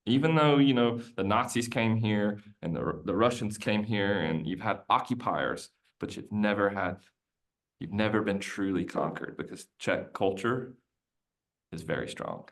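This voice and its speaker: In a casual podcast interview, an American male guest with a lowish, gravelly voice speaks expressively at a measured pace. His long story wanders, and he keeps circling back and starting his sentences over.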